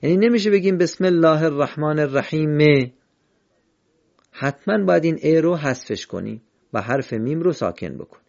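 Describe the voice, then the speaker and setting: A man teaching the rules of Quran recitation in a patient, methodical way, slowly chanting verses as examples. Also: on the high side, animated, gravelly, darkish tone. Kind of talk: explanatory lesson. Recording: dull lo-fi recording.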